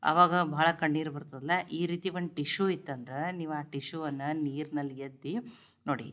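Woman, cooking host, kitchen tips demo, low voice, quick delivery. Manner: instructive, keeps telling viewers to look and try. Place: home kitchen.

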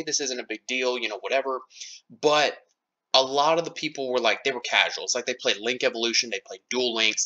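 A man's voice: mid-range voice, sharp tone, muffled recording. An American man in a casual opinion rant, speaking in an irritated, blunt way with some swearing. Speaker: card game player and online commentator. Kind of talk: casual opinion rant over screen recording.

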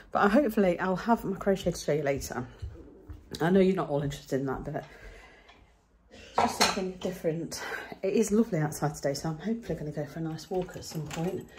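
There's background noise behind this middle-aged woman's lowish voice. She's a vlogger talking casually into a handheld camera around her home and back garden, rambling through her day in a chatty, self-deprecating way.

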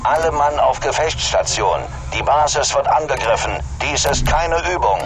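A man voicing a base announcer whose clipped, commanding alert call comes over the alarm loudspeaker in a dubbed video game. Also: medium pitch, expressive, moderate pace. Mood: urgent.

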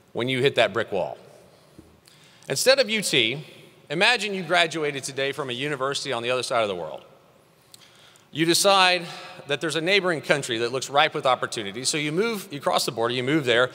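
A man's voice: mid-range voice, bright, forceful tone. A man in his thirties from Texas giving an earnest, encouraging commencement address at a podium microphone in a large hall. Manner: earnest, encouraging, rising emphasis on key phrases. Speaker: commencement speaker. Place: large hall at a graduation ceremony. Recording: long reverb of a large hall.

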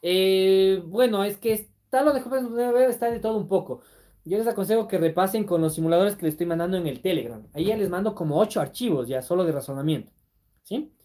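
On a live stream, a woman with a warm, medium-pitched voice teaches math for exam prep, talking fairly quickly. She works through problems step by step, keeps checking in with "¿sí?", and reads viewer comments aloud before answering them.

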